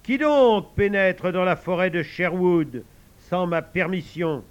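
Homme qui joue un garçon fanfaron jouant au hors-la-loi. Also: male voice, high voice, slow pace, clean tone, dull audio, voice pushed up. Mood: boastful. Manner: theatrical, commanding. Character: bold playful boy playing outlaw hero.

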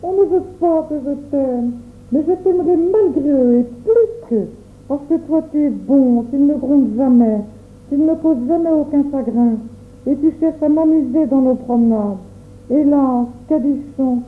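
A woman's voice: high voice, a little slow. A woman voicing a timid, tender-hearted little girl who talks in a pleading, hesitant way. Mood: tearful tender. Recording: tinny phone-like sound, roomy echo.

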